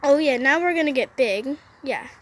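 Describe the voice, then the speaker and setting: A woman's voice: high-pitched, expressive, moderate pace. A woman giving casual, playful commentary to her viewers while playing a mobile game, sitting outdoors on a roof. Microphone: phone.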